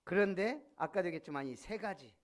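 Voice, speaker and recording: Speaking fairly quickly in a high-pitched voice, a male pastor preaches in a church sanctuary. He's lively throughout, regularly posing questions to the congregation.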